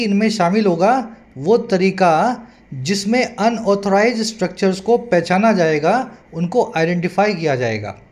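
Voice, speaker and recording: A man tutoring English, reading newspaper lines slowly and explaining them at length, often asking his students rhetorical questions. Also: sits high, darkish tone.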